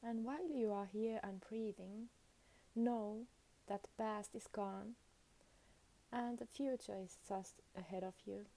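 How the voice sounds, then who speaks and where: Guiding a meditation, a female teacher offers short, soothing phrases and lets long pauses hang between them. Her mid-range voice is creaky and dark-toned, captured in a low-quality recording.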